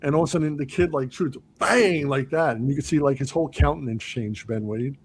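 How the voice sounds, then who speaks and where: A man's voice: mid-range voice, a little fast, slight background noise. A man hosting a podcast, casually talking through a film and acting out its lines as he goes. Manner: animated retelling, quoting movie lines. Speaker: podcast host.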